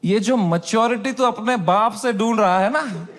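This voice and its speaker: Man putting on a teasing, fond mom, amused and a little mocking, pitched higher than his own voice. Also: normal speed, background noise, natural voice. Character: teasing middle-aged mother, fond, amused.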